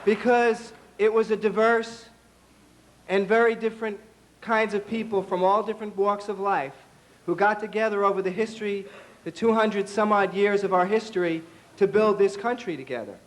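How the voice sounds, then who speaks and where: A hoarse party official gives a political speech at an event, halting with ums before building to a rousing call. His voice is high and his tone steady.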